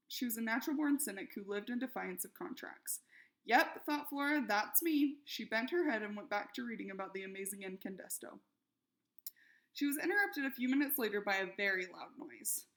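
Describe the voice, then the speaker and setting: Expressive woman reading a children's novel. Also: mid-range voice. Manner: expressive, raises voice for characters' shouted lines. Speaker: reader.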